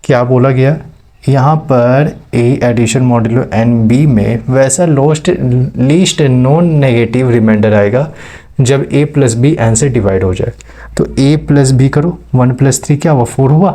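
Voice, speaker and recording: A man's voice: medium pitch, a little slow, mellow. A man teaching maths step by step, checking in with his students as he explains. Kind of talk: classroom lecture.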